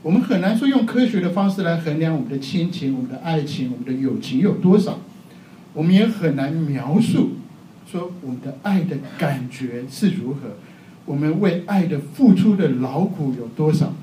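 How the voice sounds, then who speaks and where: A middle-aged man preaches a sermon in a relaxed, joking manner, laughing often at himself. His voice sits fairly high and sounds mellow. He is picked up from a distance in a roomy, echoing hall. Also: normal speed. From Taiwan. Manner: chatty, self-mocking, laughs often. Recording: echoey hall, faint background noise.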